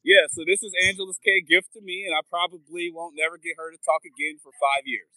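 A man's voice: high voice, fast talker, pushed and bright, dry recording, rough recording. A man in his thirties co-hosting a casual podcast, playful and self-deprecating. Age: 30s. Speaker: podcast co-host.

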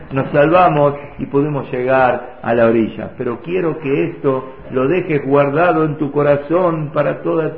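A man's voice: fairly high pitch, slight background noise. A man voicing a tearful, pleading father. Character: desperate father pleading with his child. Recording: echoey, tinny phone-like audio.

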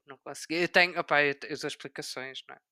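A woman's voice: low voice, steady tone, racing, bright, forceful tone, dry recording, clean studio sound. A young adult woman with a European Portuguese accent, a private tutor co-hosting a podcast, chatting casually and laughing often. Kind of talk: casual chat.

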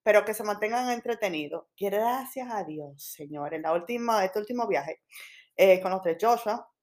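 A woman, a mother of three chatting casually in a measured, hesitant way. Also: medium pitch, animated, a little mellow. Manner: measured, hesitant with fillers, clears throat. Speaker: podcast co-host, mother of three. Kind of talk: casual chat.

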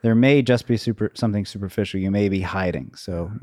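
A man in reflective, casual conversation, thinking aloud in a halting way and circling back to rephrase. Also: lowish voice, dark tone, no echo, studio quality.

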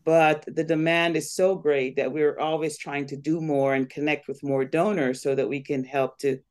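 A Guyanese woman who leads a community foundation speaks earnestly as an interview guest about blessing and collaboration. Her voice is low and darkish, with a steady tone and normal pace.

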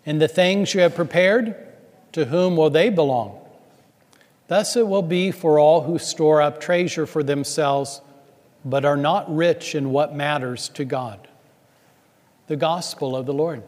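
A man's voice: a little high, a little slow, darkish tone. A priest reading the gospel and then preaching a loose, chatty homily in a large church, his voice carrying a long cathedral echo.

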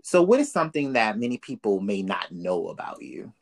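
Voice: medium pitch, sing-song, brisk, vocal fry. Preachy motivational podcast host. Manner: preachy, uplifting, speaks of faith; casual slang, addresses listeners directly. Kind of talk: motivational interview talk.

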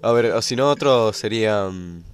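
A young Argentine man in a relaxed podcast chat, speaking hesitantly. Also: lowish voice, moderate pace, clean tone. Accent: Argentine Spanish. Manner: relaxed, hesitant, uses fillers.

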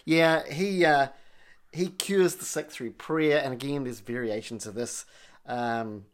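A man's voice: medium pitch, steady tone, takes it slowly. A man with a New Zealand accent tinged with American, telling coffee history in a meandering, self-correcting way during a casual chat. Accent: New Zealand with some American. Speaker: coffee storyteller.

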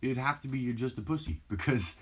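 A man's voice: mid-range voice, quick pace, husky. A young American man co-hosting a podcast in casual, crude, slangy banter, recorded on a phone with a cheap mic sound. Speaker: podcast co-host. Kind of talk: casual joking chat. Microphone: one shared phone.

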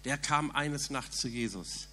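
A man's voice: medium pitch, measured pace, bright, forceful tone, slight background noise. A man preaching a sermon in an earnest, emphatic way, asking the listeners rhetorical questions.

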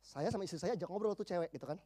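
Fast-talking high-voiced male pastor. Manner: animated storytelling, slangy, acts out the people he quotes. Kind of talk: sermon with personal counseling stories.

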